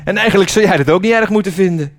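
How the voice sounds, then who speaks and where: A man voicing a kind old male woodcarver who talks in a warm, reassuring, unhurried way. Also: high-pitched, pitched above the performer's own voice. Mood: tender.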